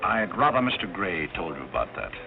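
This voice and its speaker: Deep, deadpan screwball-banter butler. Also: male voice, brisk, gravelly, faint music behind, exaggerated voice. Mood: guarded, discreet. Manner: deadpan, formally polite screwball comedy banter. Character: unflappable, courteous, dryly discreet butler. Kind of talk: 1930s screwball film comedy acting. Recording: tinny narrow 1930s film soundtrack.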